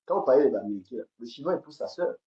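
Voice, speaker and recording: A woman's voice: a bass voice, expressive, fast talker, warm tone, muffled recording. A woman from Cameroon, hosting a livestream and ranting angrily, repeating herself and stumbling over words. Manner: heated, repetitive, stammers on words. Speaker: livestream host. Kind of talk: angry livestream rant. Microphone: phone camera.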